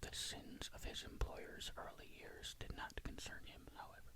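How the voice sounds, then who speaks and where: Someone whispering an old ghost story, all breathy, no voice at all, asmr style. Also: normal speed.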